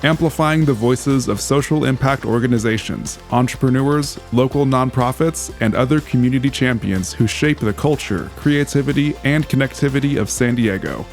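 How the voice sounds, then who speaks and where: A man's voice: mid-range voice, moderate pace, few pauses. A man reading a scripted show intro and sponsor message in a polished announcer delivery. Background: music.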